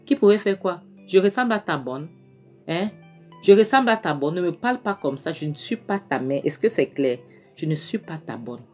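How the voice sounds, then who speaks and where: A woman's voice: deep voice, lively intonation, moderate pace, darkish tone, breathy edge, soft background music. A woman voicing a scornful, mocking aunt. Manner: sarcastic rhetorical questions. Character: scolding middle-aged aunt, sharp and mocking.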